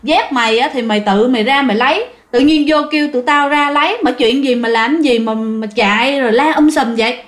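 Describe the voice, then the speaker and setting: A woman voicing a gruff, impatient male platoon leader who scolds briskly. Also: high voice, reverberant, lightly acted. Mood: scolding. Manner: brusque, scolding, quick.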